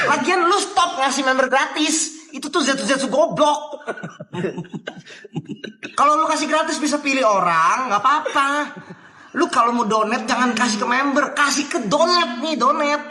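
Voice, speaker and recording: High-voiced ranting streamer. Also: male voice, expressive, measured pace. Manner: loud, cursing, laughing rants at chat. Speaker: live streamer. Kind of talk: ranting live-stream chat. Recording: echoey room with crowd noise.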